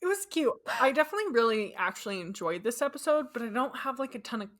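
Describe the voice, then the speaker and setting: A young woman co-hosting a podcast in casual chat, agreeable and quick to laugh. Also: fairly high pitch, very animated, a bit bright. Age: young adult. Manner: agreeable, short replies, easy laughs. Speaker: podcast co-host.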